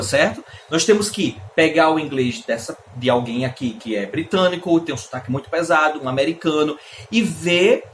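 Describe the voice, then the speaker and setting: A man's voice: high-pitched, slight background noise. A Brazilian man, an English teacher, explaining in a casual video lesson and answering his own questions. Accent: Brazilian Portuguese.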